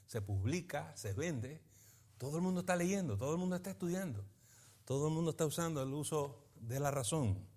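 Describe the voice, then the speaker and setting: A man, a pastor teaching a Bible study in a lively preaching manner, often asking his listeners for agreement. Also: medium pitch. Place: church meeting in a school building.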